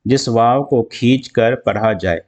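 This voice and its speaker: A man teaching an Urdu grammar lesson, explaining slowly and repeating himself with restarts, with an Indian Urdu accent. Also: medium pitch, darkish tone. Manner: slow, repetitive explaining with restarts.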